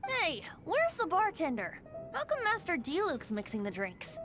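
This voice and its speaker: A woman's voice: very high-pitched, huge pitch swings, normal speed, music in the background, heavily acted. Woman voicing a carefree young bard. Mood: jovial. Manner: cheerful, breezy, playful. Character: merry young male bard, carefree drinker. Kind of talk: video game dub.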